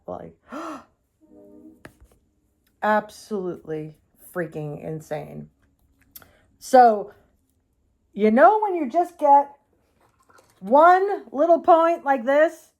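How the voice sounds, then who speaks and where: A woman with a somewhat high voice runs a casual show-and-tell vlog. She gushes and exclaims over each piece, drops swear words freely, talks straight to her viewers and calls her crystals "she" or "baby". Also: darkish tone. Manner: gushing and exclamatory, with frequent swearing. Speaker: crystal shop owner and vlogger.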